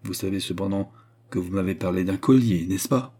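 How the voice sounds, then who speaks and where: A man's voice: low-pitched, fairly quick, warm tone. A man reading an audiobook, voicing a stern queen who questions with cold contempt. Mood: stern, scornful. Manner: cold, cutting interrogation.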